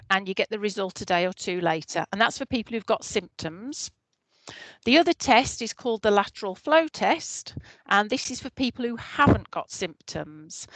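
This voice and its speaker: A woman speaking over a video call, walking a community meeting through public health figures. Her voice sits in the middle of the female range and comes through dry and close, with no room sound. She explains in a clear, steady way. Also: medium pitch, dry recording, rough recording. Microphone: computer mic on a video call.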